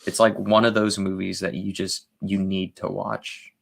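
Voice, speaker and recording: A man appearing as a guest movie reviewer in a casual chat, talking eagerly and excitably about films. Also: deep voice, moderate pace, vocal fry.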